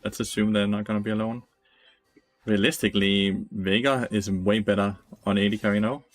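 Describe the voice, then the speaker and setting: A man's voice: on the low side, steady tone, normal speed, soft background music. A young man streaming a game, giving blunt, profane commentary, laughing and answering chat. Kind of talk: casual gameplay commentary.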